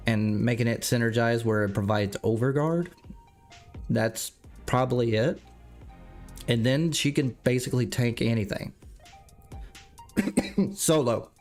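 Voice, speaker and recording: A man streaming a game live, stuffed up and clearing his throat, rambling and correcting himself as he chats with viewers. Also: mid-range voice. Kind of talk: casual livestream commentary.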